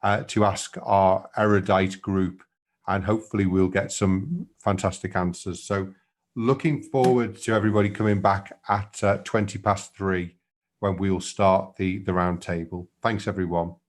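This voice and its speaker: A man moderating an online seminar, upbeat and quick to praise, with frequent fillers. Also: low voice, steady tone. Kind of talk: webinar hosting. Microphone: video call.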